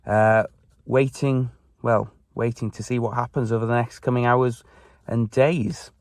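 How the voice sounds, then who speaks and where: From his parked car, a Welsh church youth member in his twenties, a native Welsh speaker with a Welsh accent, earnestly talks to camera about his faith. His voice is medium in pitch. The audio is clean like a studio, with no room sound.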